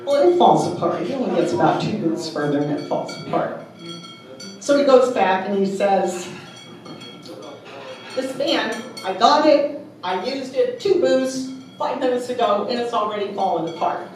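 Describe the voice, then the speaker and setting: A woman tells chatty stories and a joke at a memorial gathering, in an unhurried, mid-pitched voice. She sits well back from the mic, and her voice rings through a very reverberant hall over faint room ambience. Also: lively intonation, darkish tone, faint music behind. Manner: chatty storyteller, joke-telling. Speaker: family member giving a tribute. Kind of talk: anecdotal memorial speech. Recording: very echoey hall, mic far off.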